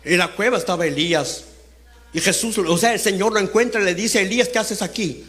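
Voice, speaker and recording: High-voiced man preaching. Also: brisk, a bit bright. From Honduras. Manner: conversational, asks the congregation questions, laughs while talking. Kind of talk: sermon. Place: church service.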